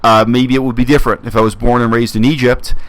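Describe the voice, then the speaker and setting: A man from Canada talking earnestly to his viewers in a casual monologue, reflective and halting, often restarting his phrases. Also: mid-range voice, level tone, a bit bright, no room sound. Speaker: YouTube commentator.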